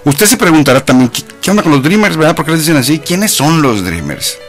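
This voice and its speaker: A man's voice: on the high side, big pitch swings, fast, soft background music. A man hosting a live internet radio show, chatting playfully and joking as he explains the news. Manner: jokey, playful, mock-mispronounces English.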